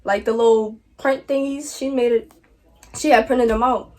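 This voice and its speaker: A woman's voice: fairly high pitch, fairly even intonation, moderate pace, darkish tone. A teenage girl telling a storytime vlog, acting out the people she quotes with slangy asides. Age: teens. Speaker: vlogger.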